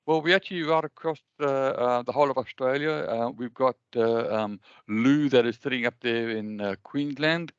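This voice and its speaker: A man's voice: mid-range voice, normal speed, few pauses, clean tone, dry recording, lo-fi sound. A man with a South African accent hosting an online webinar, speaking hesitantly with many ums and uhs. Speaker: webinar host.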